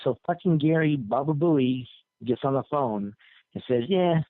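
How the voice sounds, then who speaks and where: A male caller tells a long story over a tinny phone line. He rambles, swears freely and circles back on his own words. His voice sits at an ordinary male pitch and sounds dry and close. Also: moderate pace, dry recording. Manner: rambling, profane, repeats himself. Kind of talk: casual call-in storytelling.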